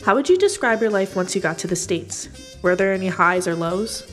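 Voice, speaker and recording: A woman narrating a family history and interviewing her grandmother, reading her script in a clear, measured way. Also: medium pitch, expressive, fairly bright tone, faint music behind.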